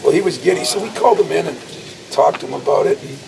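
A very gravelly, raspy man in his sixties with a slightly high pitch talks into a cluster of reporters' handheld mics. He answers questions as a coach, emphatic and full of anecdotes. The hallway around him is loud and busy, and his voice is caught from a step away. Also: quick pace, far from the mic, noisy background. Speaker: college basketball coach. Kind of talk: post-game press scrum. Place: crowded indoor hallway outside a locker room. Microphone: cluster of reporters' handheld mics at close range.

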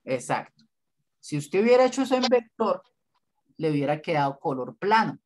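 A man's voice: on the high side, big pitch swings, moderate pace. Blunt male teacher. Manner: blunt, corrective, lecturing. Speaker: design teacher. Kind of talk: online class feedback.

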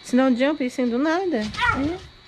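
A woman's voice: sits high, animated, normal speed, very noisy. A woman in casual baby talk to her pets at home, cooing and repeating pet names in a sing-song way. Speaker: vlogger talking to her pets. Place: home with dogs around.

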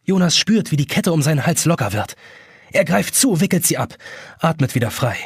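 Husky animated male audiobook narrator. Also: on the high side, brisk, dry recording, clean studio sound. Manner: expressive, animated storytelling. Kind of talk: scripted narration.

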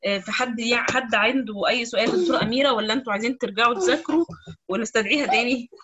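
A woman's voice: a little high, rapid-fire, noisy background. A woman with an Egyptian Arabic accent moderating an online lecture. She thanks the speaker politely and passes questions to her. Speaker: session moderator. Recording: slightly dull lo-fi call audio.

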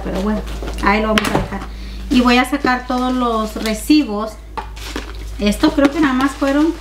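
A woman's voice: fairly high pitch, noisy background. A woman in her forties chatting to her viewers in a casual home vlog, exclaiming as she goes. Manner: chatty, exclaiming, addresses viewers as "mis chicas". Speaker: vlogger. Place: home kitchen and dining room, indoors. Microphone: camera on tripod and handheld camera. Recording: home vlog with clear kitchen clatter.

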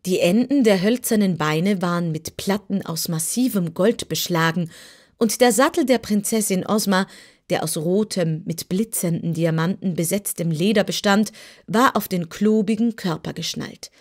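Woman reading a storybook aloud. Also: fairly low pitch. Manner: measured storytelling. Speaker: audiobook reader. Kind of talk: scripted narration.

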